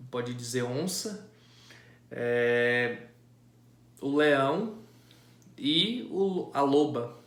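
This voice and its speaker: A man explaining a classic poem in a casual, halting way, often restarting phrases and adding tag questions. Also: medium pitch. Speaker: amateur literature explainer. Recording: echoey room.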